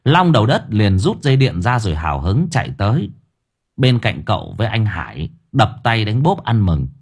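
A man with a somewhat low, husky voice narrates a story in a lively, earthy way. His pitch moves around a lot, rising and falling with the telling. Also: moderate pace. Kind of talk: audiobook narration.

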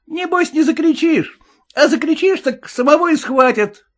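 A man voicing a suspicious, boastful peasant cab driver with a shrill, folksy way of talking. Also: moderate pace, a bit bright.

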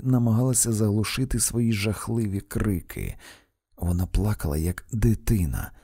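Low, husky male audiobook narrator. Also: dry recording, clean studio sound. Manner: expressive, dramatic reading. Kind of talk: first-person audiobook narration.

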